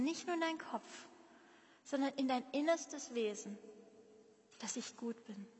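A calm, tender God speaks in a hushed, unhurried voice, as a woman quietly puts him on. The tone sits a little high and carries a long reverb tail, like a devotional recording in a resonant room. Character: gentle reassuring God, male, calm and tender.

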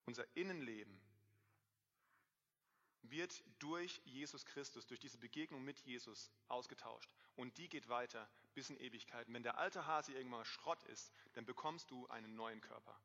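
Lively male preacher in a reverberant hall. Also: mid-range voice, moderate pace. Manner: lively, swings between loud emphasis and quiet asides. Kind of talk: sermon. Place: church hall. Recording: dull, reverberant hall sound.

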